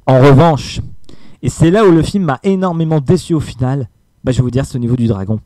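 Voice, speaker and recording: A man's voice: mid-range voice, brisk, dark tone, dry recording. A man giving a casual film review, hesitant with many fillers and emphatic asides.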